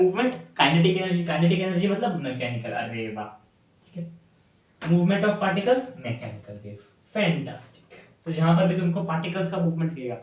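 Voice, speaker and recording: Guy teaching at a whiteboard, kinda high voice, super echoey classroom, bit far from the mic. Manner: playful, asks and answers his own questions, calls students "bhaiya". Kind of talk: animated classroom explanation.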